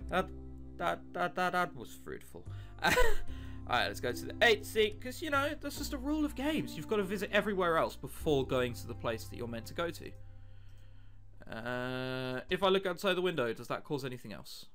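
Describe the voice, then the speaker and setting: A video game let's player gives casual, sarcastic commentary, joking and swearing while he plays a visual novel and reads its text aloud. His voice is on the high side, sing-song and fairly bright, at a moderate pace, with faint music in the background.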